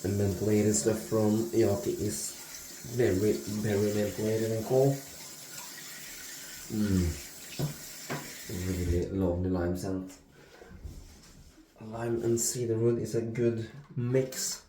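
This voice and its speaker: A man in his thirties hosting a casual shaving vlog, talking in a relaxed way with many fillers and restarts. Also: on the low side, takes it slowly, pauses often, slight background noise. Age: 30s. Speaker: shaving video host. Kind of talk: casual talk-through vlog. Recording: echoey room.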